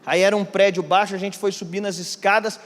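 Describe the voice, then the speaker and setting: A man with a Brazilian Portuguese accent preaching as pastor, telling a story in a sermon and swinging from hushed asides to loud, climbing declarations. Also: high voice, brisk, slight background noise. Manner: animated, swings from hushed to shouting. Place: church hall. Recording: long hall reverb.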